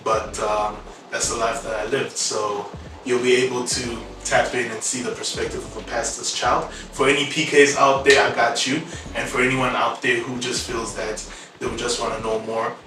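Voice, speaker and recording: A man from Congo co-hosting a podcast, talking in an earnest, unhurried way. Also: medium pitch, level tone. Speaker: podcast co-host. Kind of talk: casual podcast chat. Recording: echoey room, distant mic, music behind.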